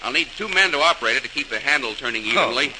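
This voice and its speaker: On a noisy old recording, an actor plays John Roebling, an earnest, determined engineer and inventor rallying his neighbors, in 1940s radio drama style. His mid-range voice is expressive and rapid-fire, lightly acted, with hearty, eager, emphatic and stagey delivery.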